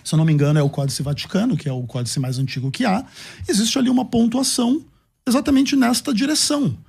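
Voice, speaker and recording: A man's voice: sits high, vocal fry, darkish tone, breathy edge. A man with a Brazilian accent, laying out a formal rebuttal point by point in a debate. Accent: Brazilian Portuguese. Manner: measured, formal, builds his argument point by point. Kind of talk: theological debate.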